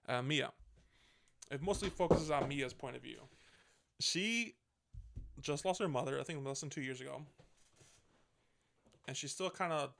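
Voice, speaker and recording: Podcast host, male, gravelly edge, loose rambling recap style with casual swearing. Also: mid-range voice, fairly bright tone. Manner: rambling, swears freely, self-correcting. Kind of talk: casual movie review chat.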